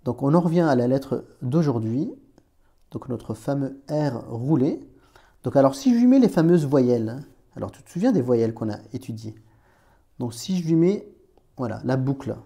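A man's voice: mid-range voice, animated, normal speed, vocal fry, dark tone. A man teaching Arabic letters in a chatty, informal way, talking straight to the learner with many restarts. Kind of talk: informal screen-recorded lesson.

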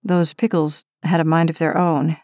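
A woman's voice: low voice, flat delivery, normal speed, a little mellow, no echo, studio quality, close to an everyday voice. A woman reading the part of an injured young firefighter who talks in a timid, matter-of-fact way. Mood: plain. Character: injured young firefighter man, frustrated but gentle. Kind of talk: audiobook character reading.

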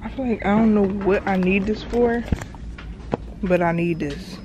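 Slow-talking young woman vlogging while shopping. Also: mid-range voice, highs cut off, noisy background. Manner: chatty, talks to herself while shopping. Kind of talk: casual vlog narration. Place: indoors in a large store. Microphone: handheld camera at arm's length. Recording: music playing in the background.

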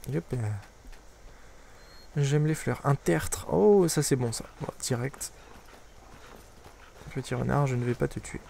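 Guy playing a game and muttering dry little jokes, kinda gravelly voice, noisy recording. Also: medium pitch, slow pace, long pauses, warm tone. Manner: wry, muttering asides to himself. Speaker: let's play gamer. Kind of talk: casual gameplay commentary.

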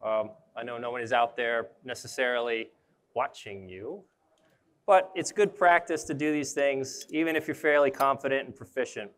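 A young man gives a relaxed, hands-on demonstration at an indoor trade show booth, thinking aloud as he works with his climbing gear. His voice is smooth and clear and sits at a middle pitch. He is picked up on a close mic. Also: moderate pace. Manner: casual, thinks aloud while working with gear. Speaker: arborist trainer. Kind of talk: live demonstration talk.

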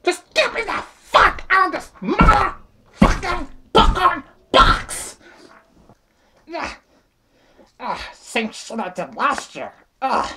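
A young man voicing a grumpy, foul-mouthed little toy penguin with a raspy, abrasive delivery. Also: extremely high pitch, huge pitch swings, takes it slowly, pauses often, bright, forceful tone, a little hiss or hum, pitched above the performer's own voice, full character voice. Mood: furious. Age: young adult. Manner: abrasive, sarcastic swearing. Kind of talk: amateur puppet comedy skit. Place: small bedroom indoors.

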